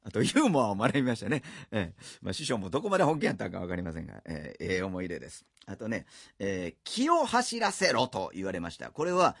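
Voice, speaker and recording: A middle-aged Kansai man spins comic anecdotes like a seasoned storyteller. His voice is gravelly and swings widely in pitch. The sound is close and dry. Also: fast, no echo. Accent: Kansai Japanese. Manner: lively storyteller, acts out voices. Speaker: rakugo storyteller.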